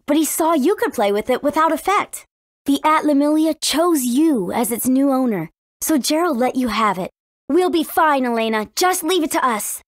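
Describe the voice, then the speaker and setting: In this clean studio recording with no echo, an American woman plays an earnest, spirited teenage warrior princess for an English video game. Her high voice comes across with emphatic, expressive delivery.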